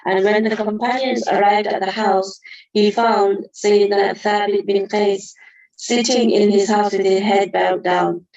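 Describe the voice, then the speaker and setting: This religious teacher, a woman, explains Qur'an verses with care and reverent honorifics in an earnest lesson. Her mid-range, darkish voice has fairly even intonation and a measured pace, and the recording is dull.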